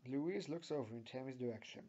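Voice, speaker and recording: A man narrates a deliberately bad comedic reading in a flat, plodding way. His voice sits at a middle pitch, and the recording is dull and lo-fi. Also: husky.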